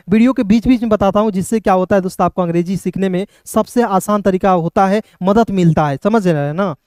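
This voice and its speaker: A man's voice: high voice, a little mellow, clear, resonant tone, no room sound, studio quality. A man teaching an English lesson to viewers in a classroom style, explaining step by step and often asking questions and calling them friends. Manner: frequently addresses listeners as friends.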